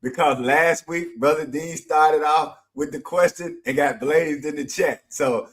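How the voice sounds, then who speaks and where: A man's voice: on the high side, steady tone, measured pace. A man co-hosting an online music talk show, teasing and prodding the others to speak. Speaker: co-host panelist. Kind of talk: casual podcast chat.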